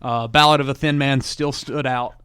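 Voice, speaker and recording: A man co-hosting a casual podcast chat, easygoing and quick to laugh. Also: mid-range voice, steady tone, bright, forceful tone, clear, resonant tone, no echo. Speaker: podcast co-host.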